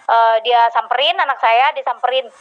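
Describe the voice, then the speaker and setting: Soft music plays behind a woman giving an emotional testimony before her congregation, her voice on the high side and her pace moderate. Hesitant fillers crop up throughout, captured in a dull, lo-fi recording.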